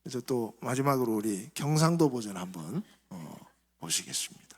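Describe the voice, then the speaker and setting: Soft-spoken male pastor in reverberant church. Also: medium pitch, very animated, normal speed, husky. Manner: reflective, soft-spoken, phrases trailing off quieter. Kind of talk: sermon. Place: church sanctuary.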